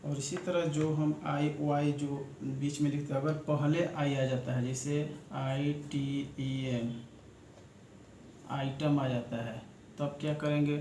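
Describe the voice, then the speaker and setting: A man teaches shorthand in a slow, patient way, going over each step again and again. His voice is mellow and stays flat, a little higher than most men. The recording has a roomy echo and a faint hum of noise behind it. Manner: slow, repetitive, talks through each step. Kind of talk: classroom-style lesson explanation. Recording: echoey room with faint ambient noise.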